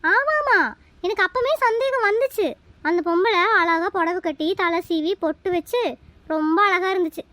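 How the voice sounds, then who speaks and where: Cheeky high-voiced young daughter-in-law. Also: female voice, normal speed, no room sound. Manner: lively, cheeky. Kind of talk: family comedy skit.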